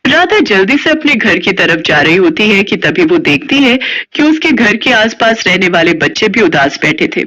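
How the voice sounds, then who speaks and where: A woman narrating a scripted children's story with steady storytelling. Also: medium pitch, moderate pace, few pauses. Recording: dull lo-fi audio.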